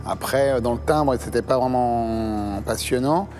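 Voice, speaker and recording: A man judging a talent show audition, giving a measured, somewhat hesitant critique. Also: medium pitch, a little mellow, faint music behind. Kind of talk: judge's critique. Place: audition room.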